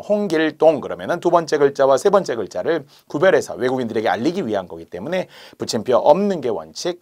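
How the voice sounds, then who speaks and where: A man explaining exam answers in a lecture, marking each step aloud and slowly spelling out letters and sounds. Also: medium pitch.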